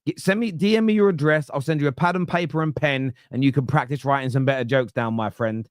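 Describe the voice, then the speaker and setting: A man's voice: mid-range voice, fast, dry recording, clean studio sound. A man in his late thirties hosting a live football fan podcast, chatty and joking. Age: 30s. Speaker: podcast host.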